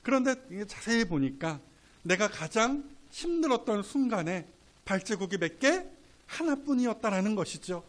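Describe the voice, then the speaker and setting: A male pastor delivers a sermon in a high, very lively voice. He drops to quiet, casual asides, then rises to loud, slow, emphatic lines. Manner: colloquial, playful asides.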